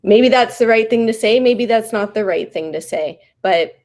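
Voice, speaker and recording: A woman's voice: fairly high pitch, normal speed, darkish tone. A woman from Canada, a political candidate, answering a question bluntly and defiantly at a public forum. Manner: blunt, defiant, plain-spoken.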